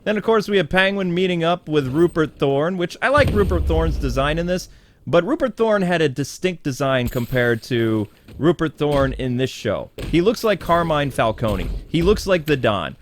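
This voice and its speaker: A man's voice: on the high side, lively intonation, moderate pace, a little hiss or hum. A man with a voice a touch above the usual male range talks through a cartoon episode in a loose, chatty review. He is blunt and opinionated, leaning on fillers as he goes. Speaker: TV show reviewer.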